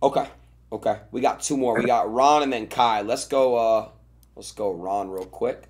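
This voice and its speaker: A young man hosting a livestream, loudly cutting in and running the show. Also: mid-range voice, normal speed. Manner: loud interjecting, runs the show. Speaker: streamer host. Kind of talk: livestream chat.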